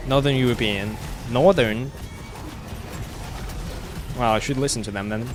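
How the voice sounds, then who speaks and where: A man with a slight British-sounding accent, chatting casually with viewers while streaming a game, talking haltingly with many restarts. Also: mid-range voice, music in the background. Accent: slight British-sounding English, learned at school. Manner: halting, with frequent restarts and fillers. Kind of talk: casual chat while gaming live.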